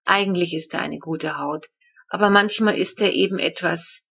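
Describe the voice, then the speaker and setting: A woman reading a shy, soft-spoken older neighbor. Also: lowish voice, normal speed, creaky, breathy edge, full character voice. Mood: shy, grateful.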